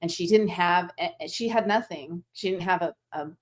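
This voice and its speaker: A woman teaching animal Reiki to students over a video call, talking gently and rambling with fillers and restarts. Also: on the low side, moderate pace.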